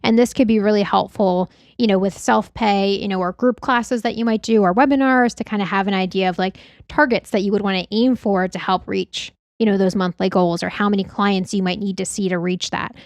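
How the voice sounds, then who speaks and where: A woman's voice: medium pitch, steady tone, fairly quick, few pauses, no room sound, clean studio sound. A woman co-hosting a podcast, giving practical advice from her own experience in a casual, conversational style.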